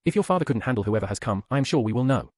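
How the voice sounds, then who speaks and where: A man reading the lines of a calm, guarded young man in a calm, reassuring manner. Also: mid-range voice, racing, no room sound, lightly acted.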